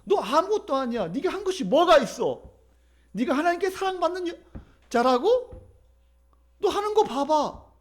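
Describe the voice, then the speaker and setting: A man's voice: very high voice, big pitch swings, moderate pace, long pauses, voice pushed up. A man voicing the devil as a sneering tempter who belittles the listener. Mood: jeering. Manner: belittling, jeering.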